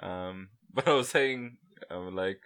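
Twenties guy on a podcast, low voice, chill, keeps saying bro and you know. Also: slow pace, fairly bright tone, clean tone. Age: 20s. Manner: laid-back, laughs often, says "bro" and "you know". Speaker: podcast co-host. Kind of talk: casual chat.

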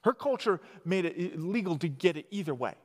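Male preacher, high voice, casual storytelling sermon, big reverberant hall. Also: lively intonation, fairly quick. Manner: storytelling, conversational retelling with dramatic emphasis.

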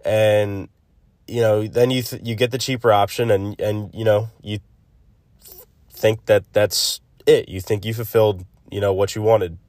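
A man hosting a casual solo devotional podcast, thinking aloud haltingly, recorded on a phone's built-in mic instead of a proper microphone. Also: fairly low pitch, flat delivery, a little mellow, no echo. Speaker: podcast host. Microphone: built-in phone mic, no separate microphone. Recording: close, dry phone recording.

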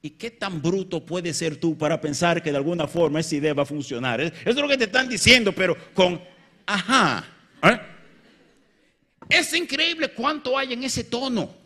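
A man preaching a sermon, swinging between loud emphatic peaks and quiet low passages and joking with his congregation. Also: expressive, a little fast, few pauses. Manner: jokes and banters with the congregation.

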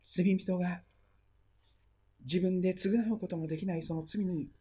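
A pastor preaching a sermon and retelling the story, often letting phrases trail into a hush. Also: medium pitch, fairly even intonation, normal speed, slightly rough.

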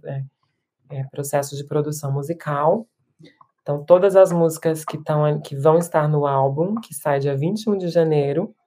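A woman in her thirties, a musician and performer, talks reflectively in a casual interview. Her voice is deep and warm, and she restarts sentences and uses tag questions.

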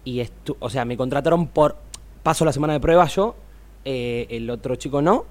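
A man's voice: mid-range voice, normal speed. A young man with an Argentine accent, chatting as an interview guest and rambling with many restarts. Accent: Argentine Spanish. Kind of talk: casual interview chat.

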